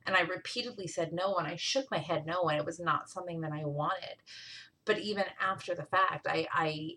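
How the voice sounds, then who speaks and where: A woman's voice: fairly low pitch, fairly quick, sharp tone, rough recording. A young adult woman speaking candidly and bluntly in casual conversation, swearing freely as she tells her own story.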